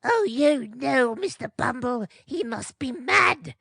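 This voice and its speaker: A man's voice: very high-pitched, expressive, slow, creaky, bright, forceful tone, slightly rough, no room sound, studio quality, pitched above the performer's own voice, exaggerated voice. A man voicing a fussy, flustered middle-aged woman, the undertaker's wife.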